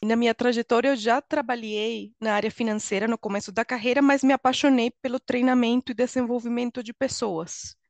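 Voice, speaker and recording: As a podcast guest, a middle-aged HR consultant and coach explains things in Portuguese with a Venezuelan Spanish accent. Her voice is fairly high and fairly even, and she talks fairly quickly with hardly any pauses, recorded with no room sound.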